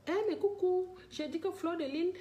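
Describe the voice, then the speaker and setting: An older woman holds forth on a live stream, her high, mellow voice pleading and circling back over the same complaints. She talks directly to her viewers, restless and insistent. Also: moderate pace, lo-fi sound. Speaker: livestreamer addressing viewers. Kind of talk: emotional live-stream rant.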